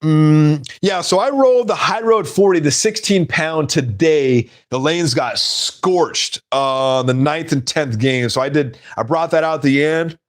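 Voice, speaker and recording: A man's voice: a little high, a little slow, hardly any pauses. A man hosting a casual live stream, rambling and laughing at his own stories.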